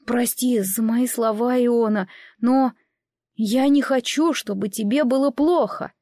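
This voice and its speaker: A woman's voice: a little high, unhurried, warm tone, no room sound, studio quality, close to an everyday voice. A woman reading an audiobook, voicing a frightened, tearful young boy with a trembling voice. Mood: pleading.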